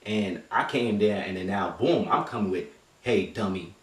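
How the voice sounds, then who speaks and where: A man telling a story in casual chat, animated and acting out quotes with street slang, recorded from a distance in an echoey room. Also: on the low side, moderate pace. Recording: echoey room, mic far off.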